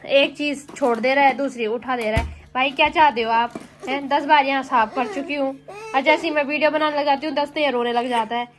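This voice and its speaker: A woman's voice: high-pitched, fairly even intonation, brisk, music in the background. A young woman, a mother vlogging at home, who chats to her viewers and coos at her baby in doting baby-talk. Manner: chatty asides to viewers. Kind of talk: casual home vlog.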